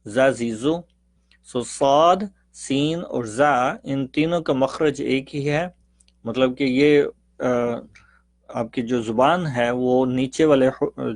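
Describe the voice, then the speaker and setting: Male recitation teacher at a middle pitch, unhurried, drilling syllables one by one and then explaining them more briskly, dry close sound. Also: creaky, dry recording. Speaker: Quran reading teacher. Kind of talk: recited pronunciation lesson.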